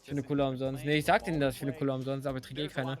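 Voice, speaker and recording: A man's voice: medium pitch, flat delivery, rapid-fire, over music. Joking male streamer in a casual chat. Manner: joking, laughs often.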